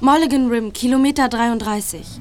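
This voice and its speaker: A woman's voice: fairly high pitch, brisk, lightly acted. A young woman playing a shy, worried Hopi woman who turns tearful, in a radio play. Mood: helpful. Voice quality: soft, tearful delivery.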